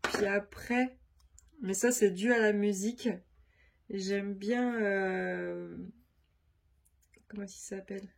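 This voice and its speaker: A woman's voice: medium pitch, fairly even intonation, slow pace, creaky, pauses often. A woman vlogger chatting casually to camera, her voice nasal from a stuffy nose, rambling with many fillers. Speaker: crafts vlogger.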